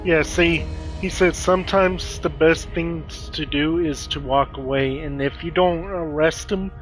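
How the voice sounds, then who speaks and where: A man's voice: fairly high pitch, fairly even intonation, unhurried, soft background music. A man casually commenting while playing a video game, rambling and snacking as he talks. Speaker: streamer.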